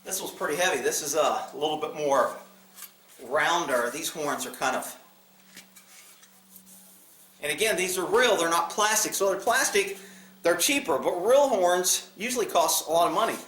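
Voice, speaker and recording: A man's voice: fairly high pitch, expressive, normal speed, pauses often, fairly bright tone. An American man chatting casually as a vlog host, rambling in a blunt, folksy way with mild cursing. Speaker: video channel host. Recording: roomy, echoey sound.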